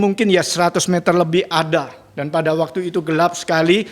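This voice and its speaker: A man preaching in a fairly high voice, turning to his congregation again and again and calling for amens. His delivery swings sharply, with sudden jumps in pitch and loudness to stress each point. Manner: repeatedly addresses the congregation, asks for amens. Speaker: pastor. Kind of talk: sermon.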